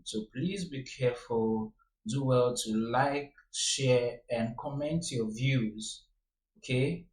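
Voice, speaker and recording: Earnest man pleading in an echoey room. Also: mid-range voice. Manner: earnest, repeating pleas to be careful. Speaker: vlogger giving a warning. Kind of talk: casual direct-to-camera commentary.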